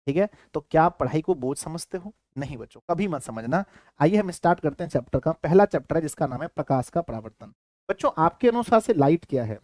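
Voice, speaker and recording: Man, Bihari Hindi accent, teacher, repetitive, quizzing, slightly high, dry close mic. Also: darkish tone, no room sound. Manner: repetitive, keeps quizzing students. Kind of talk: classroom lecture.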